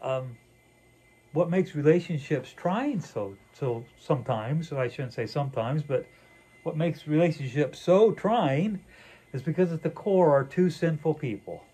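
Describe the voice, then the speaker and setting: A man's voice: fairly high pitch, animated, a little slow, mellow, slightly rough, low-quality recording. An older man, a pastor, talks through a sermon with a co-host in a small wood-paneled room, earnest and reflective with many "you know"s. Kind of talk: conversational sermon dialogue.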